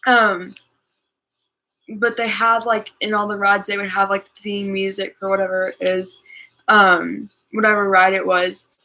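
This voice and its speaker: Creaky, bright young woman telling a story. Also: medium pitch, flat delivery, a little slow, rough recording. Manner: filler-heavy, giggly, says "like" a lot. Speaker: family member of the host, guest on the stream. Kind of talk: casual storytelling. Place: outdoors, chilly.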